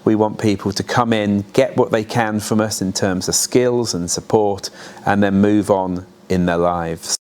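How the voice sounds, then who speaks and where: Low-pitched man explaining. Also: steady tone, a little slow, a little mellow. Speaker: charity representative. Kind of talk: explanatory interview talk.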